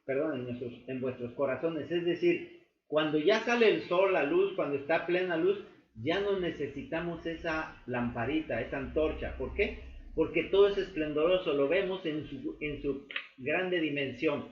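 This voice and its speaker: A man teaching a Bible study class, explaining slowly with many fillers and restatements. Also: on the high side. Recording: echoey, dull room recording with faint noise.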